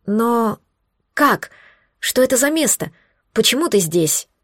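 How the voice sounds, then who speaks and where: A woman's voice: a little high, sing-song, slow, dry recording, clean studio sound, exaggerated voice. A woman voicing an emotional young heroine who speaks in a pleading tone. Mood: elated.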